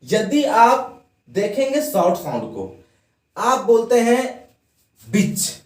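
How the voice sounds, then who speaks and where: A man teaching an English grammar lesson, talking slowly in a high voice that swoops up and down. He asks questions and answers them himself. The sound is roomy and a little distant from the mic. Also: sing-song, a little mellow. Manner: explains by asking the students questions and then answering them; has the class repeat words after him. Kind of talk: classroom lesson.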